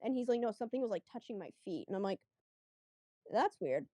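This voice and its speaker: Woman guest, mid-pitched, mellow tone, chatty storyteller who acts out the dialogue, dry close mic. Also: lively intonation, fairly quick, no echo. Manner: chatty, lots of fillers, acts out quotes. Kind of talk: casual storytelling.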